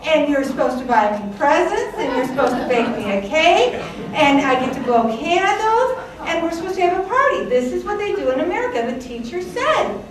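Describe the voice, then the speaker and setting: A Greek woman in her sixties presents her family's immigrant story to an audience in a chatty personal history talk, using fillers and little laughs. Her high-pitched voice is very animated and brisk with hardly any pauses, picked up from a distance in an echoey hall with crowd noise.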